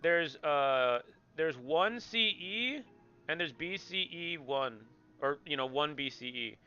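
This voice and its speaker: A man's voice: a little high, expressive, slow, pushed and bright, highs cut off, soft background music. A man streaming a game, chatting casually with viewers in a joking, rambling way and repeating himself.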